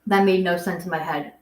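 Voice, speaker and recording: A young adult woman hosts a casual guinea pig livestream from home, rambling as she reads viewer comments aloud. Her voice is fairly low and darkish, and the room sounds echoey.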